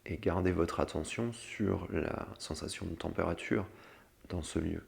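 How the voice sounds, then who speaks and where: A man with a gravelly, creaky voice giving step-by-step instruction as a guide for a breathing meditation. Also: deep voice, measured pace.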